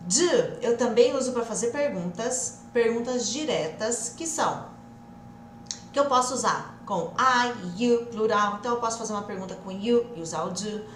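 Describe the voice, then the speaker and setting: A woman with a Brazilian Portuguese accent teaching an online English lesson, lively and direct, stretching words for emphasis. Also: on the high side, normal speed. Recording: echoey room with faint noise.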